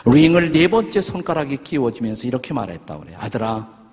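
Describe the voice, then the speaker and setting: Older man in his 60s, husky pastor, earnest storytelling sermon, long church-hall reverb. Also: mid-range voice, big pitch swings, fast, a little mellow.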